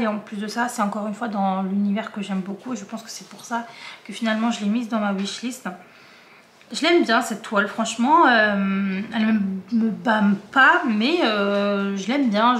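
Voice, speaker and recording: A woman's voice: mid-range voice, fairly bright tone, reverberant, a little hiss or hum. A woman with a regional French accent, chatting casually to her viewers about diamond painting kits, often hesitating with fillers and restarts.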